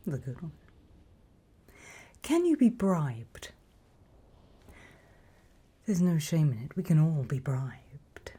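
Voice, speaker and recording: This whispered ASMR roleplay features a British woman as a crafty, avaricious female demon auctioneer. Her voice is low, soft and breathy, yet very animated and heavily acted, with a measured, cool, questioning manner that feels greedy and probing.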